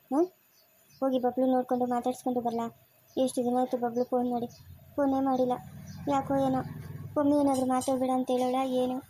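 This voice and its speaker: A woman with a high voice and a Chikkaballapur Kannada accent plays out a homemade family drama. She rattles off fast, scolding village talk. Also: dark tone, a little hiss or hum. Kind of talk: amateur family drama acting.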